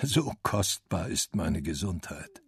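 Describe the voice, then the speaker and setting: A man's voice: low-pitched, big pitch swings, takes it slowly, slightly rough, no room sound, full character voice. A man voicing a stiff middle-aged official husband who speaks in a dry, mock-jocular tone, in a storybook reading.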